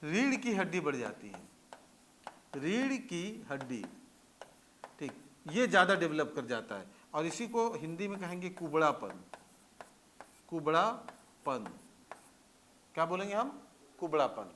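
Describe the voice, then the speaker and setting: Guy teaching a class, pretty high voice, chatty, keeps asking if you got it. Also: sing-song, moderate pace, fairly bright tone, a little hiss or hum. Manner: conversational, checking understanding with repeated questions. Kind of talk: classroom lecture.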